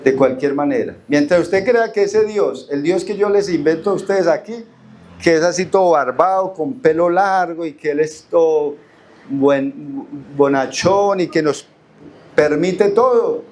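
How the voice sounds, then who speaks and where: An unhurried Colombian preacher with a fairly high pitch and darkish tone gives a Bible study in a church hall, with slight hiss or hum audible. He reads verses aloud, drawing out important words, and answers the questions he puts to the congregation.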